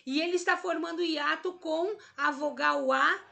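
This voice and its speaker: A woman's voice: high voice, normal speed, gravelly, sharp tone. A woman teaching a grammar lesson, patient and methodical, often checking that her students follow. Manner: patient, repeats and checks understanding. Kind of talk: explanatory lesson.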